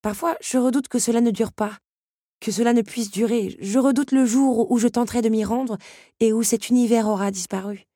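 A young heroine from a storybook reading, earnest and wistful, her voice raised above the narration, as a woman plays her. Husky tone, dry close recording. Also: a little high, fairly even intonation, normal speed, dark tone, no echo, pitched above the performer's own voice, natural voice. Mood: uneasy.

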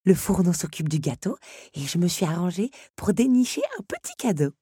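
A woman reading a storybook voices a worried, motherly female teapot that fusses and gently scolds, with a husky voice. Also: lowish voice, animated, a little fast, no echo, studio quality. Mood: warm.

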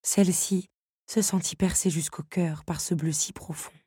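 Breathy, low-voiced woman narrator. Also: fairly even intonation, moderate pace, dark tone, no room sound, clean studio sound. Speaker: audiobook narrator. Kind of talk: scripted narration.

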